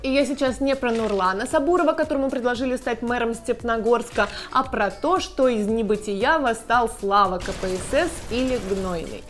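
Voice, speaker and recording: A woman with a fairly high voice presents celebrity-style news over background music. She follows a script but comments on it casually, with a light touch of irony. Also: normal speed, few pauses. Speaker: host of a blogger news show. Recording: music under the voice.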